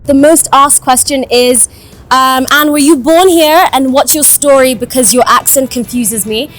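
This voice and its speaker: A young Kenyan woman who works as a vlogger and radio host chats candidly in a casual vlog, quick to laugh. She's recorded outdoors high up on a building, with faint music behind her.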